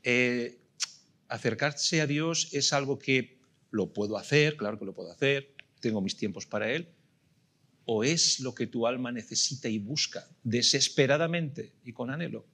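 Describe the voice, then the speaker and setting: Man, Spain Spanish accent, middle-aged, sermon, emphatic repeated questions, slightly husky tone. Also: mid-range voice, normal speed, sharp tone. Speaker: pastor.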